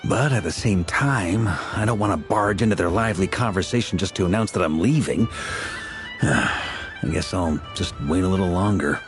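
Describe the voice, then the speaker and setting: A man's voice: low-pitched, moderate pace, natural voice. A man playing a mild-mannered, considerate leader in a video game, hesitant and polite. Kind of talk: video game character acting. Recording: music playing behind the voice.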